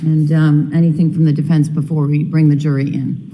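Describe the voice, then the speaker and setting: A woman's voice: low voice, flat delivery, a little fast, muffled recording. A woman speaking as a judge, addressing a courtroom, recorded in an echoey room with noise behind her.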